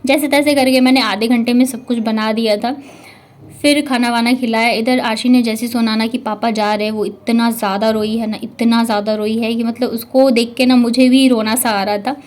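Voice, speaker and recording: A woman's voice: a little high, level tone, normal speed. A young woman narrating her day in a casual, chatty home vlog, telling the story with lots of fillers. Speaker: vlogger.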